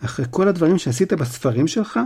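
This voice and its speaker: A man's voice: on the high side, lively intonation, warm tone, breathy edge, pitched above the performer's own voice. A man doing a determined young boy wizard. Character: brave twelve-year-old boy wizard, determined.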